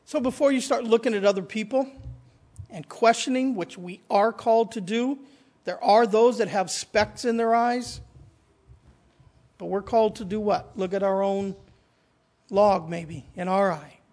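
A pastor with a high-pitched, slightly mellow voice preaches at a measured pace, pausing often, and answers the questions he puts to his congregation. He speaks into a stand microphone in the church sanctuary, at times stepping back. The room is echoey.

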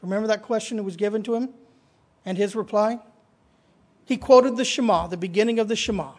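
A man with a high voice preaches a little fast in a church sanctuary, posing questions to the congregation and answering them himself. He speaks into a stand microphone, occasionally stepping away from it, and the room is reverberant.

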